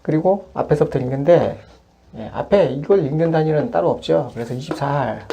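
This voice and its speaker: Woman tutoring math, super low gravelly voice, noisy recording. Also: animated, fairly quick. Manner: patient, step-by-step explaining. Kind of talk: worked-example lesson.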